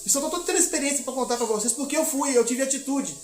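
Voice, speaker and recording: A man's voice: very high voice, fast talker, darkish tone, reverberant, faint music behind. A man from Minas Gerais, a missionary preacher, telling a testimony in a sermon, acting out the dialogue of his story and exhorting the congregation. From Minas Gerais, Brazil.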